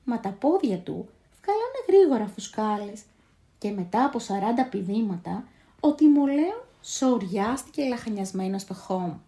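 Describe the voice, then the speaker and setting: A woman storyteller giving an expressive, scripted fairy-tale narration. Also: fairly high pitch.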